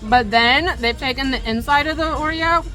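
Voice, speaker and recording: A woman's voice: sits high, moderate pace, pushed and bright, soft background music. A woman chatting casually in a travel vlog, reviewing food outdoors and talking with her mouth full. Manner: chatty, talks while eating, laughs often. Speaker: travel vlogger. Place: outdoors at a cruise line's island stop.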